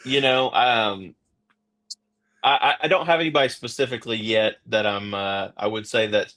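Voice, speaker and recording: With a sharp tone and fairly low pitch, an Oklahoma-accented podcast host talks at normal speed in a casual interview chat. He rambles, with many fillers and restarts.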